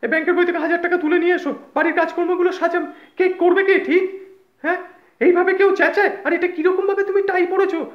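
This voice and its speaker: A man voicing a nagging, exasperated young housewife in a comedy sketch, scolding fast and shrilly. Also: extremely high pitch, little pitch movement, pitched above the performer's own voice. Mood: irritated scolding. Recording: echoey room, slightly dull sound.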